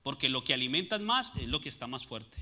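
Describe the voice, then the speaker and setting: A man's voice: medium pitch, sing-song, a little fast, sharp tone. A man preaching a sermon as pastor, asking the congregation rhetorical questions and answering them. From Latin America.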